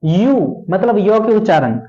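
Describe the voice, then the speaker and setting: A man teaching English grammar, talking slowly, repeating words and asking his students questions. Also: high voice, sing-song, mellow. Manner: slow, repeats words and asks the class questions. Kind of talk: classroom lesson explaining articles. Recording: echoey room, dull lo-fi sound.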